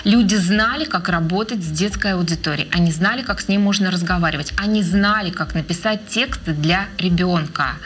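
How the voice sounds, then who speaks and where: Interviewed as a researcher of children's radio, a woman answers in a measured, thoughtful way, often hesitating with fillers. Her voice is fairly low, a bit bright and husky.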